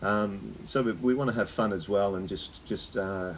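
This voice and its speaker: An Australian man talking casually and haltingly as host, with a slight cold shiver in his voice as he sits in icy water. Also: on the low side, a little hiss or hum, poor audio. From Queensland, Australia. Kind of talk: casual unscripted talk. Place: sitting in a freezer full of icy water.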